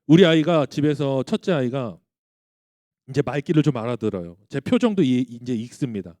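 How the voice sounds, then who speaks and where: A man's voice: mid-range voice, lively intonation, moderate pace, warm tone, no echo. A man in his thirties, a pastor giving a sermon to young adults, telling stories animatedly and asking the congregation questions. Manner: acts out quoted dialogue in his stories. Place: church.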